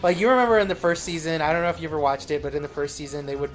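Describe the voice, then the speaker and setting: A man's voice: fairly high pitch, very fast. A man co-hosting a casual gaming podcast, talking in a dry, teasing way. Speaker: co-host.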